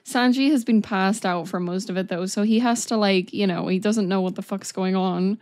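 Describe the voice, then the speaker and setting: A woman's voice: mid-range voice, fairly even intonation, normal speed, a little mellow, dry recording, faint music behind. A woman hosting an anime reaction video, gushing, exclaiming and swearing casually as she watches.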